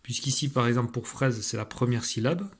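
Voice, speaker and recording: A man's voice: mid-range voice, fairly quick, slightly rough. A man teaching, patiently explaining phonics exercises to parents, with frequent fillers and restarts.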